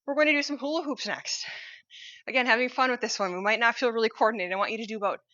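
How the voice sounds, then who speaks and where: A woman's voice: a little high, very fast, sharp tone, muffled recording. A woman fitness instructor cueing a cardio workout while she exercises, upbeat and encouraging.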